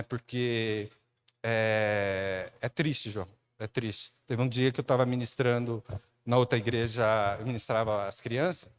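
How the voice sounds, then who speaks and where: A man with a Brazilian Portuguese accent telling a church testimony, animated storytelling with frequent tag questions. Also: clear, resonant tone. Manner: animated storyteller, acts out quotes with rising pitch; addresses a listener by name and tags lines with "né". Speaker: church speaker giving testimony.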